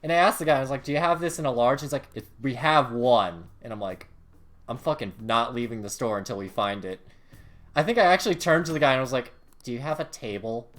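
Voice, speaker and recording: A man's voice: mid-range voice, fast talker, a bit bright, faint music behind. Rambling young male streamer. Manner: rambling storyteller with lots of fillers and swearing. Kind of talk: casual chat while streaming a game.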